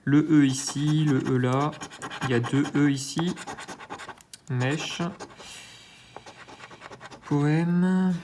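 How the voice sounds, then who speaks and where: A man's voice: a little high, a little hiss or hum. A man hosting his own channel, giving hesitant, think-aloud commentary while scratching lottery tickets, with self-mocking asides and lots of filler sounds. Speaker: scratch-card channel host.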